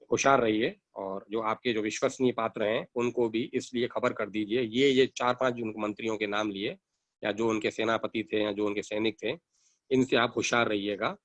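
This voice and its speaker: A man storyteller voicing a shrewd, calm male merchant who confides secrets in a hushed, assured way. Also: on the low side, dry recording, muffled recording, close to an everyday voice.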